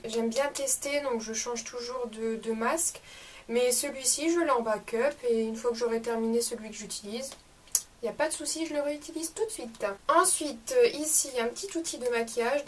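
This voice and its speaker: A young woman chatting casually through a beauty product review vlog, enthusiastic and full of fillers. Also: fairly high pitch. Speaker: beauty vlogger. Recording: slightly distant mic with faint room noise.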